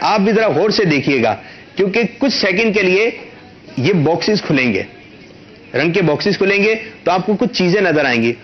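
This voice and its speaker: A man's voice: high voice, muffled recording, slight background noise. Patient, coaxing male quiz host. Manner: patient, coaxing, stretches words slowly to teach. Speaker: quiz show host for children. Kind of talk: hosting a studio quiz.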